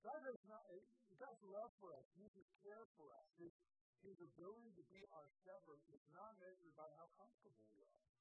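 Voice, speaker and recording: A man's voice: sits high, expressive, brisk, breathy edge, muffled recording. A man preaching a sermon as a pastor, earnest and repeating key phrases.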